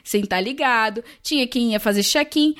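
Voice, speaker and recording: Animated woman telling a story. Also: on the high side, moderate pace. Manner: animated, dramatic, quotes people in voices. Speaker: guest. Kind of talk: casual storytelling chat.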